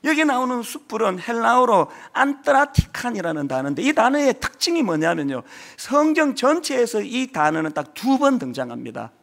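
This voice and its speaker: A man's voice: extremely high pitch, sing-song, normal speed, creaky, few pauses, fairly bright tone. A male pastor preaching a sermon in an earnest, emotional way, asking many rhetorical questions.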